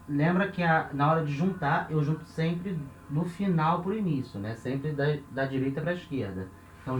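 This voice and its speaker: A man's voice: on the high side, darkish tone, distant mic, muffled recording. A Brazilian man with a Brazilian Portuguese accent, teaching a lesson step by step, counting aloud and often checking with his listeners. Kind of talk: classroom lesson at a board. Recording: roomy echo, off-mic, faint hiss.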